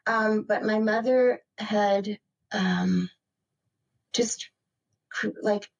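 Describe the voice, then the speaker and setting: A woman's voice: medium pitch, steady tone, extremely slow, vocal fry, dull audio. Chatty woman guest, rambling and reflective. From Maryland, United States. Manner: rambling and reflective, heavy use of "like" and "you know". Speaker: podcast guest. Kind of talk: casual conversational interview.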